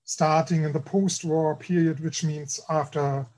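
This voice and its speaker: A man from East Germany with a German accent giving an academic lecture in a careful, measured way. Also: on the high side, steady tone, a little mellow, rough recording. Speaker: guest lecturer.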